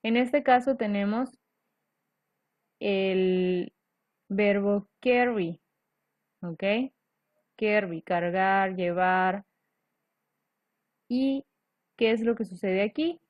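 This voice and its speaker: A woman teacher walks through grammar rules at a slow, unhurried pace, stopping often to check her students follow. The recording is dry and a bit dull and lo-fi. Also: medium pitch, dry recording. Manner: patient, step-by-step, frequent "ok?" checks.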